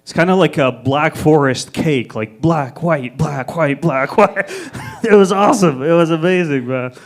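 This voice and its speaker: A man's voice: a little high, a little slow. A man from Egypt doing a brash stand-up set, swearing and hyping up a small crowd. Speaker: stand-up comic. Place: small live comedy venue.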